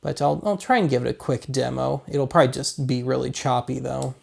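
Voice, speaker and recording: Speaking a little fast in a gravelly, mid-range voice, this man reviews a product casually, with wry asides and plenty of rambling. He's in his thirties, hails from Colorado, has an American accent, and hosts a hobby video series.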